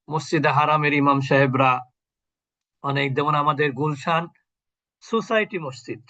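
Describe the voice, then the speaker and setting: A man with a high, bright voice teaches Quran recitation in an online class. He goes step by step and puts questions to his students before answering them himself. The audio is dull and lo-fi, like a video call.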